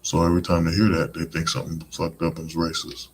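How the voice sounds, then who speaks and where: A man's voice: low voice, monotone, quick pace, slight background noise. A man hosting a live-streamed podcast, talking in a rambling, conversational monologue full of "you know" asides. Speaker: podcast host.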